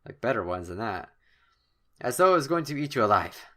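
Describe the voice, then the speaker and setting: This gaming-channel host has a mid-range voice that swings widely in pitch, moving fairly quickly with a bright, forceful tone. He performs game text dramatically in a let's play, cracking jokes as he goes and stumbling over the odd word.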